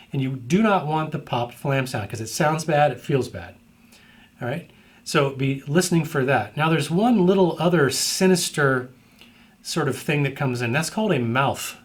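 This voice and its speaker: A middle-aged man teaching drum technique in an instructional lesson, explaining step by step and often checking in with the listener. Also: fairly high pitch. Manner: explanatory, repeatedly checks in with "right?".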